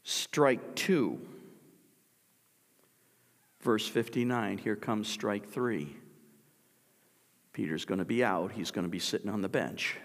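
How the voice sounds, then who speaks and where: A man's voice: fairly low pitch, takes it slowly, pauses often, big-room sound. A male pastor preaching a sermon, explaining the text and asking rhetorical questions of the congregation.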